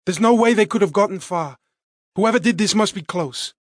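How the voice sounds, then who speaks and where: A man's voice: high voice, moderate pace, dry recording, studio quality, voice pushed up, close to an everyday voice. A man voicing a frightened young man who speaks in urgent, pleading bursts in an audiobook.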